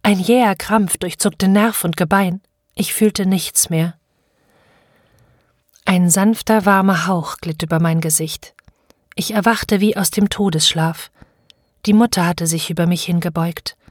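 Woman reading old literature out loud, steady and dramatic, super dry sound. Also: on the low side, no echo. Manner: measured, dramatic storytelling. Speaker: narrator. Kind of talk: audiobook reading of classic literature.

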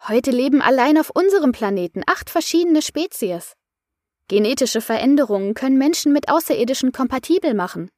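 A woman reading an audiobook voices a calm female coach who soothes and explains. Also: high-pitched, brisk, no room sound, studio quality, pitched above the performer's own voice. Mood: lecturing.

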